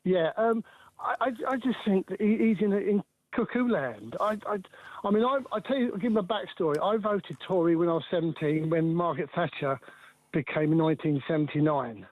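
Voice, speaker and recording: A man's voice: high voice, brisk, no room sound, phone-quality sound. A man in his sixties from England, calling in to a phone-in show and talking hesitantly with many ums and restarts. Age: 60s. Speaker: caller. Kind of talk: phone-in call.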